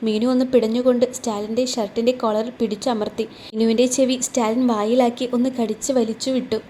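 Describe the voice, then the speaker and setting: Female storyteller for a romance story; mellow, flat, slightly high voice; faint background noise. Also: fast. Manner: voices every character in her own voice. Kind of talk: scripted narration of a romance story.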